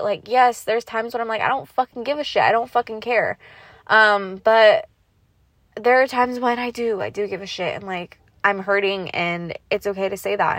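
A woman's voice: fairly high pitch, dry recording. Blunt, swearing young woman podcaster. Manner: blunt, heavy swearing, lots of fillers; raw, vulnerable, holding back tears. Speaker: podcast host. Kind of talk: candid solo podcast monologue.

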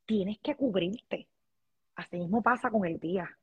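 A woman's voice: mid-range voice, unhurried, husky, no room sound, dull audio. A woman hosting a live stream, effusively thanking viewers by name and chatting casually. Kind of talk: casual live stream chat, reading comments.

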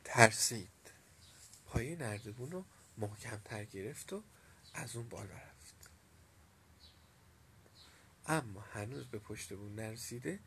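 A man narrating a children's storybook tale in a calm, measured reading. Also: lowish voice, creaky, slight background noise.

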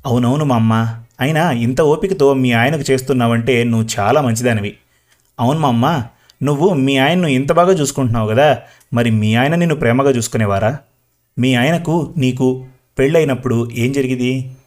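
A man's voice: medium pitch, normal speed, a little mellow, close to an everyday voice. A man voicing a curious young woman asking eager questions in a storybook reading.

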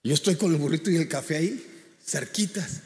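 A man's voice: on the high side, expressive, brisk, darkish tone, long reverb tail. A man, a pastor preaching by telling a story with colloquial asides. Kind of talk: storytelling sermon.

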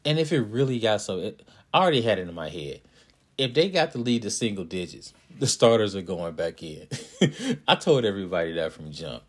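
A man who hosts a podcast and coaches youth basketball, telling a story in a casual, animated way and speaking straight to his listeners. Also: lowish voice, fairly quick. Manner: animated, talks to listeners directly.

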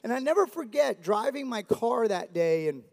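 A South Florida man in his forties gives an earnest, warm testimony to his church, adding light touches of humor. His voice is extremely high-pitched and creaky, with big pitch swings at normal speed. The church hall leaves a long reverb on the recording.

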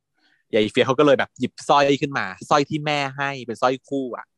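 A man casually recapping a TV drama as a podcast host, animated, laughing often and acting out lines. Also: mid-range voice, fast talker, no echo, studio quality.

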